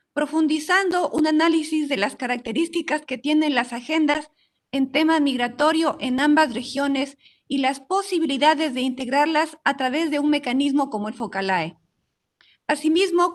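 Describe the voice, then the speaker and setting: High-pitched woman moderating formally. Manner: formal, reading biographies aloud. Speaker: session moderator. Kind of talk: formal scripted introduction.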